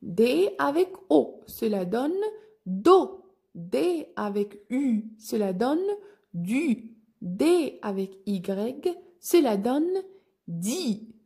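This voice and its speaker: A woman teacher with a North African French accent leads a children's phonics lesson at a very slow, deliberate pace. Her voice is somewhat husky and sits a little high, and her pitch moves a great deal as she spells out each syllable. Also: sing-song, warm tone.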